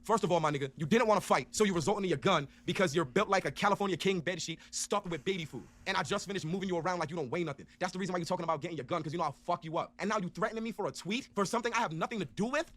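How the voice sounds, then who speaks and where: A man's voice: high voice, very fast, few pauses. A man telling a story in a casual, profane rant, acting out each side of an argument. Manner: animated, profane, acts out both sides of an argument.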